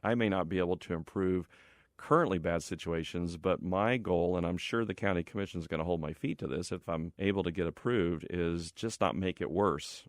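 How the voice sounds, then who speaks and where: Middle-aged man, low-pitched, dry studio sound; conciliatory, conversational interviewee thinking aloud. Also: fairly quick, no room sound. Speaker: property developer being interviewed. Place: radio station studio.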